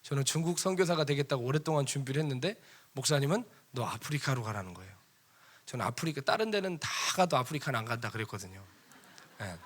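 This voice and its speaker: A middle-aged man preaching a sermon in a church, telling a personal story with animated, acted-out quoted arguments. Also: medium pitch, quick pace. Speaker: pastor.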